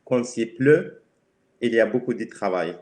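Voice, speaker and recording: A man from Spain with a Spanish accent, a native Spanish speaker, describing his work simply and haltingly. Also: on the low side, lively intonation, a little mellow. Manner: halting, searching for words. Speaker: cleaner, webinar guest. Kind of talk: simple self-presentation. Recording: very echoey room.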